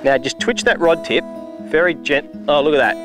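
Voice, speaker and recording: A middle-aged Australian man, pitched a little high, demonstrates fishing outdoors by a river. He explains steadily, then breaks into enthusiasm when a fish strikes. Soft music sits faintly behind him. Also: normal speed. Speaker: fishing show host.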